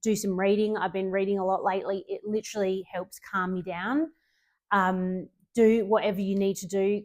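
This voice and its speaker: A woman coaching her clients through a relaxed spoken tutorial. She talks in a loose, chatty way at a middle pitch, filling gaps with ums and correcting herself as she goes. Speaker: fitness coach.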